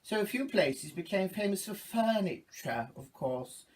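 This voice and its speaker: A campy drag queen dame, played by a man, theatrical and bawdy, with a boozy grandeur. The pitch swoops up and down through the comic monologue, heard a little way from the mic. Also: expressive, unhurried, distant mic. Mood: tipsy, rambling. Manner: campy, theatrical, arch innuendo.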